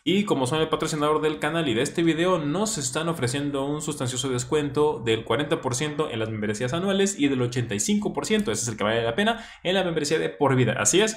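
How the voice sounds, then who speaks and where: A man's voice: on the high side, reverberant, a little hiss or hum. A man hosting his own channel, giving a chatty, enthusiastic language lesson with frequent restarts. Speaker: language teacher and channel host. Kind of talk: casual educational commentary.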